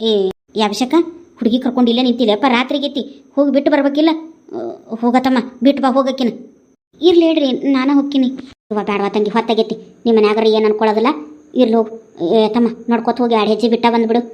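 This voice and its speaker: A woman's voice: a little high, steady tone, racing, long pauses, a little mellow, close to an everyday voice. A woman voicing a soothing old village mother-in-law. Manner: soothing, coaxing.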